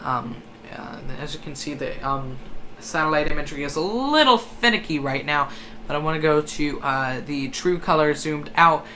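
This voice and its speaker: A livestream host of unclear sex gives storm commentary in a bright, forward voice. The delivery is hesitant and self-correcting. There is some noise behind the voice. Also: mid-range voice, normal speed. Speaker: livestream host tracking a hurricane. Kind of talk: live storm coverage commentary. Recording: noticeable background noise.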